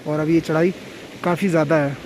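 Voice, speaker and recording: A man's voice: fairly high pitch, steady tone, fairly quick, darkish tone, slight background noise. A man vlogging outdoors on a mountain trail, sick with a fever and worn out from climbing, chatting and giving friendly advice to viewers. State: unwell with a fever, tired from climbing. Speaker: travel vlogger. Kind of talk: casual travel vlog narration.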